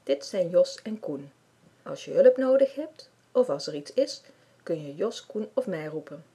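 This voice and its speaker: A woman voicing a friendly grown man who leads a children's building club and calls out loudly to the group. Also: fairly low pitch, animated, a little slow, breathy edge, full character voice. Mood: cheerful.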